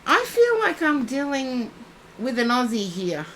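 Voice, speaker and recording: A woman's voice: high voice, wildly swooping pitch, measured pace, a bit bright, slight background noise, low-quality recording. A woman giving psychic readings on a live stream, chatting and addressing viewers by name. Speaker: psychic reader.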